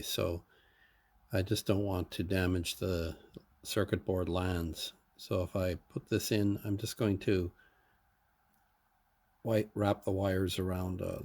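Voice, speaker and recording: A hobbyist radio repairer with a fairly low voice talks through his hands-on work. Unscripted, he thinks aloud step by step in short, halting phrases.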